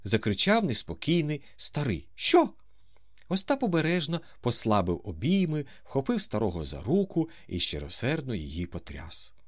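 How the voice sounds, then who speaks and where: A man narrating a story in an expressive, storytelling manner. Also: mid-range voice, moderate pace, few pauses, no room sound. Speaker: audiobook narrator. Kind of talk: scripted narration.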